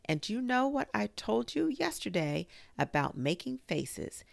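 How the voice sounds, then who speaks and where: A woman voicing a brisk, motherly female kangaroo in a storybook, coaxing and fussing cheerfully but firmly. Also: on the low side, very animated, gravelly, dry recording, pitched above the performer's own voice, exaggerated voice. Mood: severe, scolding.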